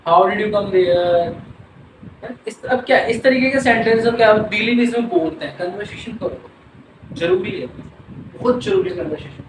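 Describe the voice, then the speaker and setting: A man's voice: extremely high pitch, animated, a little fast, roomy sound, far from the mic, slight background noise, rough recording. A man with an Indian accent teaching an English class, mixing Hindi and English, drilling words and questioning his students.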